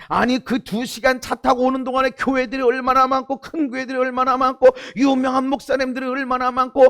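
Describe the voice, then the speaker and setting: Middle-aged male pastor, very high gravelly voice, sermon delivery from quiet asides to shouted fervor. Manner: swings from hushed intimacy to shouted fervor; rhetorical questions to the congregation. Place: church sanctuary.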